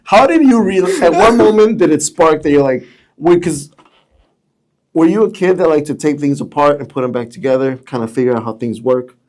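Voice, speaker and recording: A man co-hosting a podcast, asking questions in an animated, rambling, casual way. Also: on the high side, a little fast. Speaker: podcast co-host. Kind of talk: casual interview chat.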